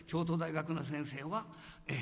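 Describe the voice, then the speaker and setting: A man's voice: a little high, steady tone, moderate pace, vocal fry. An older man from Hokkaido hosting a talk show, chatting and telling anecdotes with frequent laughter. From Hokkaido, Japan. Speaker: host. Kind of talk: casual chat and storytelling. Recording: echoey hall with faint guitar music.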